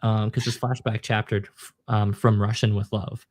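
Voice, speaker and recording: A man's voice: on the low side, level tone, moderate pace, dry recording. A man co-hosting a podcast, chatting casually and enthusiastically about manga and acting out characters' lines. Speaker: podcast co-host.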